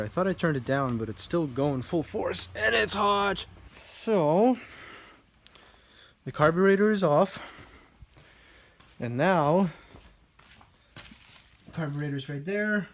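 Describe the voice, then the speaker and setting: A man vlogging casually while he works on a motorbike indoors, talking with a relaxed manner and thinking aloud with fillers. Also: on the high side, measured pace, pauses often. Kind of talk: casual commentary while working. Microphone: camera mic, handheld then set down.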